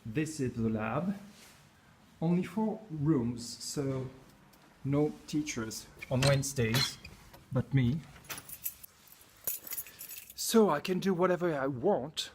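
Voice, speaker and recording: A man's voice: mid-range voice, lively intonation, takes it slowly, pauses often, noisy background. A French man, a science teacher, chatting casually to camera in his school lab, often searching for English words and correcting himself. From France. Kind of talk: casual vlog talk to camera.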